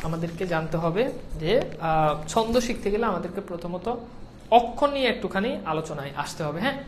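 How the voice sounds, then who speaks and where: A woman's voice: lowish voice, a little hiss or hum. A woman with a Bangladeshi Bengali accent teaching an online class, patient, repeating points and often checking whether students follow.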